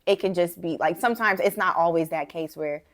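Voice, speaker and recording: A young woman with a Southern US accent, co-hosting a podcast in animated casual chat and laughing often. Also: on the low side, a little fast. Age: young adult. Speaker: podcast co-host.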